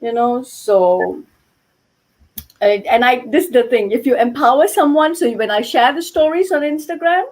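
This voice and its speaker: Middle-aged woman guest, higher voice, earnest and chatty, headset mic. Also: normal speed, poor audio. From Malaysia. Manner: earnest, many "you know" and "okay" asides. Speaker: guest, yarn dyer. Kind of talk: casual video-call interview. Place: home room with yarn shelves. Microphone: headset on video call.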